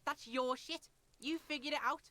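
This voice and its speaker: A woman's voice: sits high, steady tone, normal speed, noisy background, natural voice. A woman voicing a foul-mouthed, hostile young boy who curses nonstop and speaks of himself in the third person.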